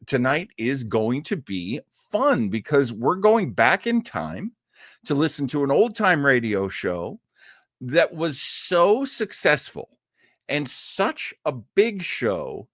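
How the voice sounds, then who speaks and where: A male actor hosts a laid-back online show, speaking to viewers in a chatty, joking manner full of chuckles. The voice is a bit high and fairly bright, recorded cleanly in a studio with no room sound.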